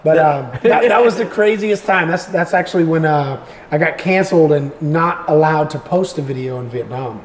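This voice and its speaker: Animated man telling stories, high voice. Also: moderate pace, reverberant, a little hiss or hum. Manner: animated, acts out quoted voices with laughter. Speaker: guest content creator. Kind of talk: casual podcast storytelling.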